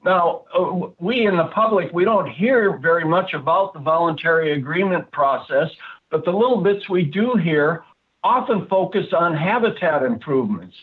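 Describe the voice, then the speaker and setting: A man's voice: a little high, animated, normal speed. A man giving an earnest public comment at a board meeting over a phone line, hesitant, with frequent fillers and restarts. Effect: speaking over a phone line.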